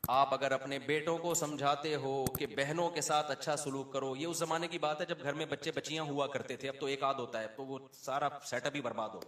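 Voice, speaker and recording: A man with a Pakistani Urdu accent preaching a sermon, swinging between loud emphasis and quiet asides and acting out the people he quotes. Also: medium pitch, fairly even intonation, hardly any pauses, reverberant. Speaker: Islamic preacher.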